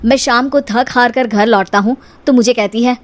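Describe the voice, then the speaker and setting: A woman's voice: fairly high pitch, fairly even intonation, normal speed, lightly acted. A woman voicing a tired, complaining young husband in a cartoon family story. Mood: exasperated.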